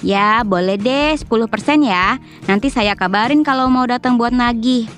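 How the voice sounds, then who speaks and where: A woman voicing a polite, apologetic elderly grandmother who speaks softly and courteously. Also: on the high side, moderate pace, faint music behind, lightly acted. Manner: soft, courteous.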